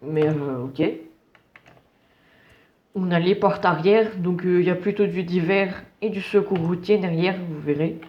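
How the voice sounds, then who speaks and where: A man's voice: high-pitched, measured pace, muffled recording. A man giving casual, slangy running commentary on a game as he plays. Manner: relaxed, slangy, chatty. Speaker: gameplay commentator.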